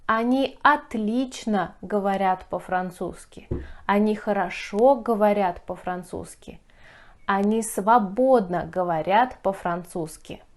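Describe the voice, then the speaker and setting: A Russian woman gives a slow, clearly enunciated language lesson, speaking carefully and repeating phrases for learners. Her voice is mid-range and slow.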